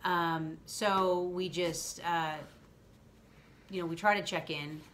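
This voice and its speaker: Low-voiced woman, casual rambling vlog host. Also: steady tone, slow pace, a bit bright. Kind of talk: casual explanatory chat. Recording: faint background noise.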